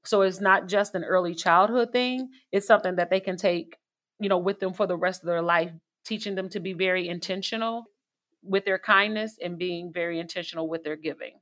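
A woman's voice: fairly low pitch, steady tone, fairly quick. A middle-aged woman talking casually as a parenting expert, telling stories with light laughs and frequent fillers. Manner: warm storytelling with light laughs, many fillers. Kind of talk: conversational advice.

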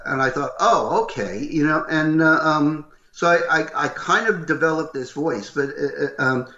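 An older man with a loud, gruff voice, telling animated stories as a voice actor being interviewed. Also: on the high side. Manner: animated, acts out what others said. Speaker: voice actor guest. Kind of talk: interview storytelling. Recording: roomy, slightly dull recording.

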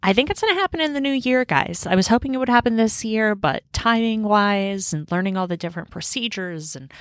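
A woman's voice: medium pitch, expressive, a little fast, no echo, clean studio sound. A woman in her thirties chatting casually as a podcast host, bubbly, slangy and rambling, recording indoors on a boat. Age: 30s. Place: indoors in a room on a river boat.

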